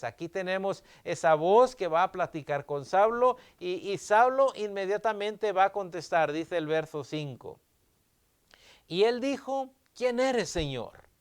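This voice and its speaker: A man's voice: high-pitched, clear, resonant tone. A male pastor giving a Sabbath school sermon, reading scripture aloud and explaining it with emphasis.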